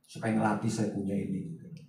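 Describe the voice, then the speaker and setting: Pastor preaching in an echoey hall. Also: male voice, lowish voice, flat delivery, fast talker, vocal fry, distant mic. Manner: chatty, swings from loud to hushed asides. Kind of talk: sermon. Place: large church hall.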